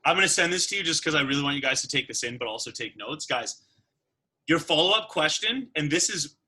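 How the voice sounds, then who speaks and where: A man giving a casual sales training talk, animated and acting out quoted dialogue. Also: a little high, fast talker, breathy edge.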